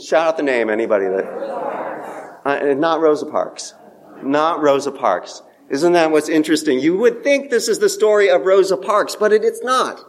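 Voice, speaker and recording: A man delivering a sermon as minister, leading a guided meditation with measured, rhythmic repetition of phrases. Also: mid-range voice.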